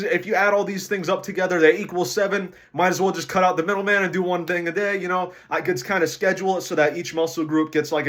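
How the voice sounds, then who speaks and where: A man's voice: fairly high pitch, a bit bright. Chatty young man logging his diet. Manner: chatty, rattles off food numbers quickly. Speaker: vlogger tracking diet and weight loss. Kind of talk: casual daily vlog to camera.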